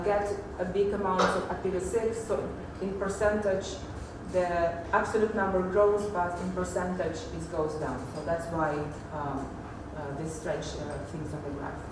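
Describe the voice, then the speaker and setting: A woman's voice: on the low side, little pitch movement, measured pace, hardly any pauses, background noise. Hesitant woman presenting in an echoey hall. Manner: hesitant, many fillers and restarts. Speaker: conference presenter. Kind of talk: technical conference talk. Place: large echoey conference hall. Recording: echoey hall audio from far off.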